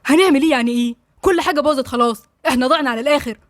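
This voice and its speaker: A woman with an Egyptian accent voicing a furious young male gang boss, shouting rapid insults. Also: sits high, no room sound, studio quality, natural voice. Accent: Egyptian Arabic.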